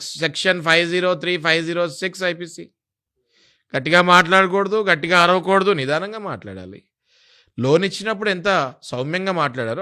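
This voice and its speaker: A man's voice: high-pitched, bright, forceful tone. A man being interviewed, explaining legal rights in an emphatic, lecturing way and listing legal sections.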